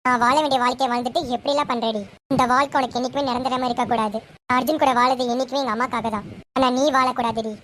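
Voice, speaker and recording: A woman's voice: high voice, fast, slight background noise, close to an everyday voice. Woman voicing a scheming young villainess. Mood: vengeful. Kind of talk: amateur serial voice acting.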